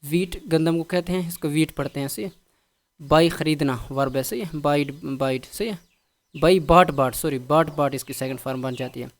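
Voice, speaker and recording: A man with a Pakistani accent teaching English vocabulary, patiently repeating each word with its meaning. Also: fairly high pitch. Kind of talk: vocabulary lesson.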